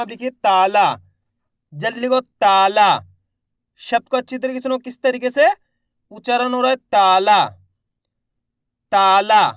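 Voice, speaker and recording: Guy teaching hindi spelling, sounds out every word slow and answers his own questions, highish clear voice, dry close mic. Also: a bit bright, no echo. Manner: sounds out words slowly, repeats questions and answers himself. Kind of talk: patient spelling lesson for beginners.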